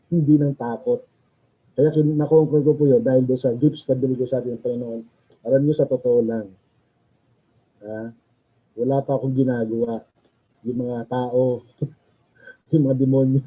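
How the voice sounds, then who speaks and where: A man's voice: mid-range voice, husky. A male chaplain, preaching in a chatty way, laughing often and asking the audience questions. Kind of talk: sermon. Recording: dull lo-fi recording.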